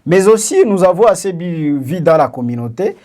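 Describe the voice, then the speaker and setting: Man from Congo, co-host, halting and explanatory, plenty of fillers. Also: fairly high pitch, lively intonation, warm tone. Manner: hesitant, many fillers and restarts; explains with examples, asks questions. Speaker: podcast co-host. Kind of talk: casual discussion.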